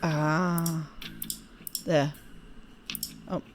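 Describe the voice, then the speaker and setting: This let's play host has a low voice with a flat delivery and drawn-out words. She reads the game's story text aloud expressively, adding spontaneous casual comments while playing, and game music runs behind her voice.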